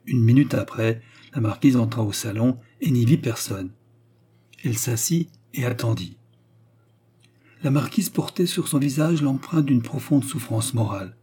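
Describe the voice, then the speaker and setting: A man reading a classic novel aloud as audiobook narration, in a measured literary manner. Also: medium pitch, mellow, breathy edge.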